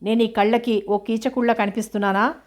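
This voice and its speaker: A woman voicing a kind, earnest young man gently comforting his cousin, in a novel reading. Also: on the high side, fairly even intonation, fairly quick, lightly acted. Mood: gentle. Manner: affectionate, earnest. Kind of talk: audiobook character reading.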